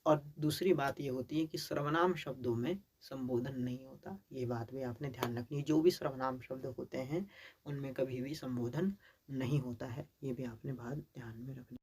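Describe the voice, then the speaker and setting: A man with a gravelly, husky voice teaches a grammar lesson. He chants long lists of word forms in an even rhythm and stops now and then to explain them in Hindi. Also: medium pitch, moderate pace. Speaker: Sanskrit teacher.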